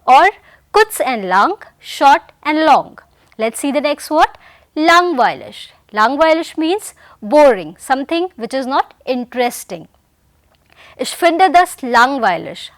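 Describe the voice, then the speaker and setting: A woman with a high-sitting voice leads a recorded German vocabulary lesson in English. She calls her learners dear friends and patiently says each word and sentence twice over, all captured in a dry recording.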